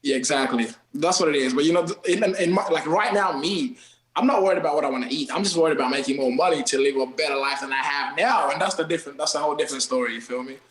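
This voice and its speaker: A man's voice: a little high, fast, a bit bright, reverberant, low-quality recording. A man from Kenya, a guest on a podcast, talking loosely in slang and calling everyone bro and man. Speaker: podcast guest, TikTok creator. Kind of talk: casual podcast chat.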